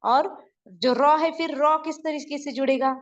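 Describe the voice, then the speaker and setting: A woman's voice: sits high, steady tone, unhurried. Patient woman teaching writing, lo-fi sound. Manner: patient, repeats and checks understanding. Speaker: online Urdu script teacher. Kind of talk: explaining while drawing letters on a board. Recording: dull lo-fi sound.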